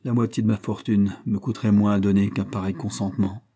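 A man voicing a domineering, proud billionaire father in middle age, speaking in forceful outbursts he tries to hold back. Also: on the low side, little pitch movement, fairly quick, slightly rough. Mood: blustering.

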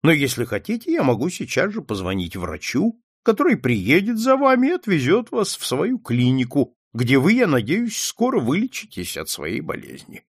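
A man's voice: on the high side, huge pitch swings, normal speed, few pauses, breathy edge, no room sound, exaggerated voice. A man voicing a composed, stern detective who speaks dryly and firmly, in an audiobook reading. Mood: gentle. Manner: dry, firm, sometimes gentle.

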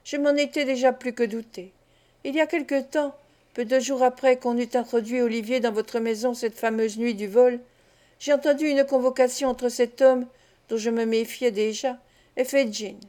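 A desperate young woman of the streets pleads through tears, read by a woman narrator. The voice sits fairly high yet sounds soft and mellow. This is an audiobook of a classic novel. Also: steady tone, normal speed, close to an everyday voice. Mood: pleading. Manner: pleading, tearful.

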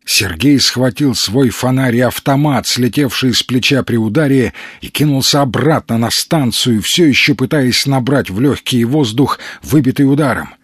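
A man reading an audiobook in steady, dramatic scripted narration. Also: mid-range voice, normal speed, hardly any pauses, slightly rough, no echo, clean studio sound.

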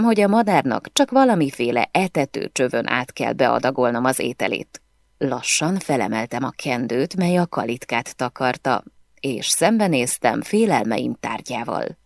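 Female audiobook reader, low and lively delivery, dry studio sound. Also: gravelly, no room sound. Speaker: audiobook narrator. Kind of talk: scripted first-person audiobook narration.

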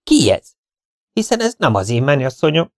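A man voicing an impulsive young legionnaire who speaks out loudly and excitedly. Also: mid-range voice, dry recording, clean studio sound, pitched above the performer's own voice. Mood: shocked. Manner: excited, shouting out.

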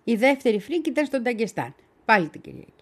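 A woman's voice: on the high side, very animated, over music. A woman commenting on a radio talk show, explaining points step by step and speaking directly to her co-host.

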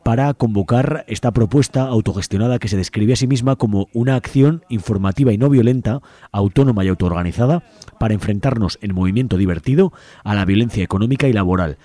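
A radio host with a Spanish accent from Spain presents an informal activist show, conversational and politically engaged. His voice is on the low side, animated and brisk with a dark tone, captured in a dry recording.

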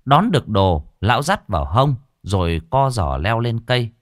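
A man narrating a ghost story in a vivid, animated way. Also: mid-range voice, normal speed, no echo, clean studio sound.

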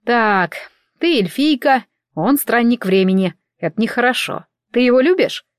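A woman voicing an excitable, bossy male elf priest, exclaiming and lecturing in an audiobook reading. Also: a little high, normal speed, no echo, clean studio sound, voice pushed up, natural voice. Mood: stern.

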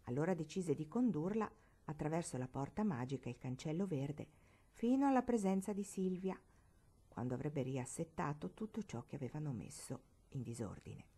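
A woman reading a classic novel aloud as narrator, in an expressive, dramatic manner. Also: low-pitched, normal speed, slightly rough. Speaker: storybook reader.

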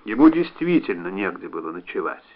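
A man reading a calm, laconic doctor. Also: sits low, a little fast, slightly rough, pitched below the performer's own voice, exaggerated voice. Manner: restrained and laconic. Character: calm, dry-witted male doctor. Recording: dull lo-fi recording.

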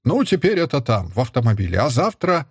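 A jovial soldier uncle with a husky, hearty voice that bounces through a wide range of pitch, as a male narrator puts him on. He teases and jokes in a dry, close storybook reading. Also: very animated, a little fast, no echo. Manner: hearty, teasing.

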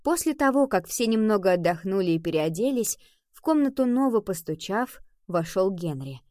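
A woman narrating a children's audiobook, expressive and lively. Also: normal speed, no echo, clean studio sound. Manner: expressive, lifting pitch for dialogue.

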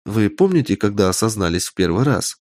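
A man voicing a young witch girl in a raised, lively voice, curious and quick to take fright. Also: lowish voice, no room sound, studio quality. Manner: curious, then easily frightened.

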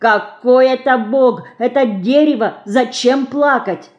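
A kindly, flustered man soothes and frets in short, broken phrases in an audiobook, as a woman reader puts him on. He is pitched rather high and drawn out. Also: slow, lo-fi sound. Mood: fretful soothing.

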